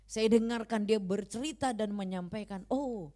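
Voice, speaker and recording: A woman's voice: medium pitch, moderate pace. A woman pastor preaching a sermon in a church, telling a story and acting out the quoted dialogue. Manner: animated, acts out quoted dialogue.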